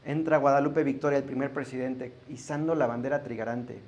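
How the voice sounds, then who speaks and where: Gravelly Mexican pastor preaching. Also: male voice, mid-range voice, steady tone, a little fast, a little mellow. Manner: conversational teaching, asks the congregation questions. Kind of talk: sermon.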